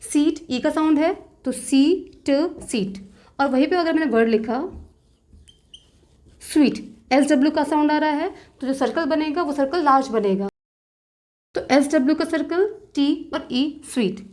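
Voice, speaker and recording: A woman teaching shorthand step by step, patiently repeating rules and slowly drawing out example words, with terms. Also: high voice, a little mellow. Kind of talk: step-by-step tutorial explanation.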